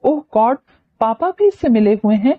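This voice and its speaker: A woman's voice: on the high side, lively intonation, moderate pace, narrow, tinny audio. A woman reading a novel aloud, voicing a touchy, easily flustered young woman who snaps back. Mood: irritated. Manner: irritated, sharp-tongued.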